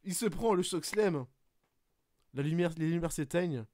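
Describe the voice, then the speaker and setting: A man hosting a podcast, swearing often as he retells a wrestling match in an animated play-by-play. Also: on the high side, normal speed, no room sound, studio quality. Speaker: podcast host. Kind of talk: casual podcast chat, excited match recap.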